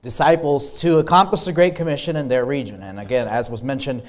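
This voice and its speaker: A man's voice: medium pitch, fairly even intonation, a little fast. A young man who grew up in Peru gives an earnest missions presentation in a church, with frequent ums and apologies. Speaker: missionary speaker. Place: church sanctuary.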